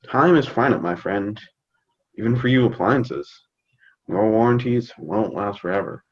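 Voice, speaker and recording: Man as fond fumbling dad, lively swooping pitch, halting delivery, theater comedy, slightly dull lo-fi sound. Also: husky. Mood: gentle, sincere. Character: fond, hesitant, slightly awkward suburban dad. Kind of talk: scripted youth theater comedy acting.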